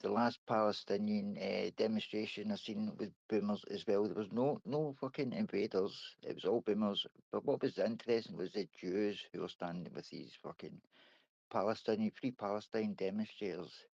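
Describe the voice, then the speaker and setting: A man's voice: fairly low pitch, fairly even intonation, moderate pace, creaky, darkish tone, dry recording. A man hosting a casual group voice chat, blunt and coarse in how he talks. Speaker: voice chat panel host. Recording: dull, lo-fi dry mic.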